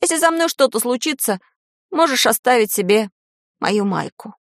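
Caring storybook boy wizard, a woman reading him, soft and earnest, lively pitch. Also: normal speed, no room sound, studio quality. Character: brave young boy wizard, calm and caring.

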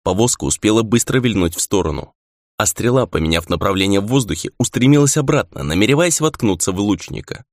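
Guy reading an action-packed fantasy book, deep-ish voice, dry mic. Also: quick pace, dry recording. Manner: lively reading, raises voice for shouted lines. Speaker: audiobook narrator. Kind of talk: scripted narration.

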